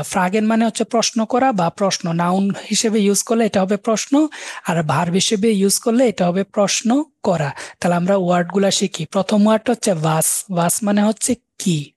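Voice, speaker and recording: A man teaching German in a live online class, repeating and slowly spelling out words. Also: high-pitched, darkish tone, breathy edge, no echo. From Bangladesh.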